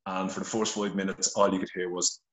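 The voice sits low and is a bit bright, delivered flatly and a little fast. It comes from a middle-aged Irishman, blunt, earnest and swearing heavily, candidly recounting his story as a podcast guest with a phone held to his face; the audio is reverberant and poor.

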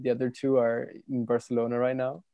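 A man from the UK hosts a laid-back podcast, chatting loosely and rambling from one thought to the next. He talks at an even middle pitch over a video call mic at home. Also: brisk, vocal fry, clean tone, no echo, muffled recording. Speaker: podcast host. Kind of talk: casual chat.

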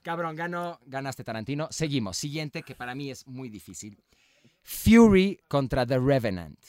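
A young man with a Mexican accent hosting a casual film chat, excitable and quick to laugh and swear. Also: medium pitch, dry recording, studio quality. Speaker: podcast host. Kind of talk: casual chat about films.

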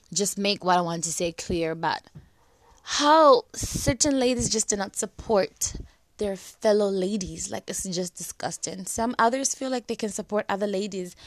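A young vlogger, slightly hoarse-cracked from a flu and a dry cough, chats to camera with casual advice, leaning heavily on fillers, especially "like." Her voice is medium-pitched, with no room sound.

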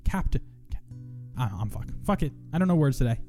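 A man's voice: mid-range voice, big pitch swings, fast talker, warm tone, soft background music. Rambling, profane man hosting a podcast. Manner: profane, rambling, self-mocking. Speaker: podcast host. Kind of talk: casual chat.

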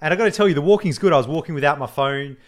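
A young man co-hosting a podcast, telling stories in a lively way, teasing his co-host and swearing freely. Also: a little high, rapid-fire. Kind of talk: casual chat.

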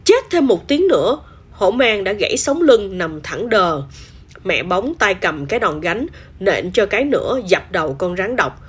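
A woman storyteller reading a children's story aloud in an expressive, animated way. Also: medium pitch, unhurried, husky.

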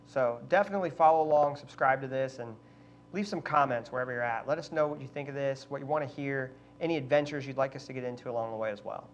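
A man's voice: medium pitch, fast. A man co-hosting a casual travel podcast, upbeat and chatty with frequent fillers. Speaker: podcast co-host. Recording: slightly dull sound, faint hum.

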